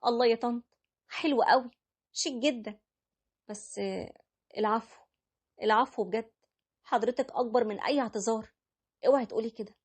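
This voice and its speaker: A gentle young bride, as a woman reader puts her on speaks in a soft, polite storybook voice, a little higher than the narration. Her words come fast, with a husky edge. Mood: gracious.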